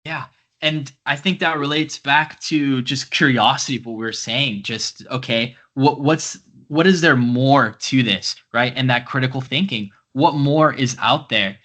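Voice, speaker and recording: Bright-voiced male podcast host. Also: mid-range voice, measured pace. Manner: thinks aloud, often ends with "right?". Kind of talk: casual interview chat.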